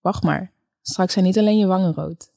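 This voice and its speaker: A woman's voice: lowish voice, normal speed, vocal fry, warm tone, no echo. A woman voicing an eager, teasing young man in an audiobook story, read in a dry, close voice. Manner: teasing, impatient. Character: playful young adult man, eager boyfriend.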